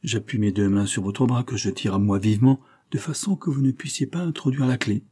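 A man reading aloud, voicing an eager, excitable young police agent who talks in exclamations. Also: medium pitch, breathy edge, lightly acted. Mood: excited. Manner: exclamatory, eager, quick to enthusiasm.

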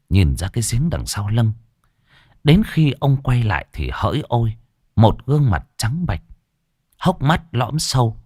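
A man's voice: fairly low pitch, a little mellow, husky, no echo, studio quality. A man narrating a ghost story in a dramatic, scripted way. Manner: dramatic, varied delivery.

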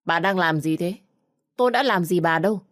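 A woman's voice: fairly low pitch, a little fast, no room sound, studio quality, close to an everyday voice. A woman voicing a blunt young village man in an audio story.

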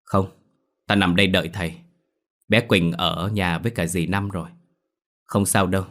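A stubborn, nervous young man in a spoken ghost story, read by a male narrator. His low voice talks bluntly and slides into pleading. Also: steady tone, moderate pace, a bit bright.

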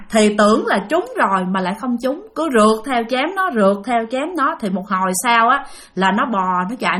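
Woman storyteller, highish voice, chatty, talks straight to listeners. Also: a bit bright. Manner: chatty, addresses listeners directly, repeats for emphasis. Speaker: storyteller of listener-sent ghost stories. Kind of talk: casual spoken storytelling.

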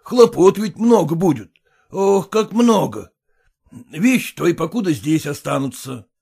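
A man voicing a stern elderly father who coaxes his daughter in a gruff, insistent way. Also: on the high side, very animated, a little slow, a little mellow, voice pushed up, full character voice.

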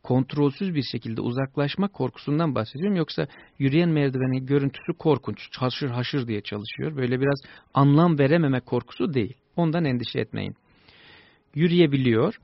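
A man hosting a radio advice show, calmly reassuring listeners and explaining child-rearing answers to their emails. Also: medium pitch, brisk, dry recording. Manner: reassuring, explanatory, with lively stressed peaks. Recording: dull lo-fi broadcast, dry.

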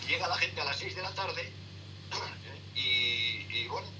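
A middle-aged man, a sailing instructor, answering interview questions in a halting way, full of fillers and tag questions. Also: a little high, lively intonation, bright, forceful tone. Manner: halting, many fillers and repeated "¿eh?". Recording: distant noisy remote line.

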